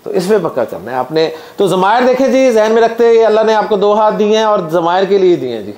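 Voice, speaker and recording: A man's voice: high voice, very animated, fast, darkish tone. A man teaching Arabic grammar in a classroom, chanting word lists in a sing-song drill and explaining to his students.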